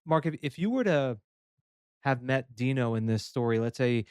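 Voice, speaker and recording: Smooth-voiced male podcast host. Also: mid-range voice, animated, dry recording, studio quality. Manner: warm, affirming, drawn-out questions. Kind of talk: podcast interview.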